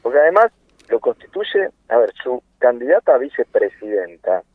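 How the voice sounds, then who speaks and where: An Argentine man of about sixty talks over a tinny, phone-like line with no room sound. He speaks with conviction, pausing on fillers and throwing out rhetorical questions. His pitch sits in an ordinary middle range. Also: big pitch swings, breathy edge, no room sound. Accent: Argentine Spanish. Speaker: interview guest, political activist. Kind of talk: impassioned political phone interview. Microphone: telephone.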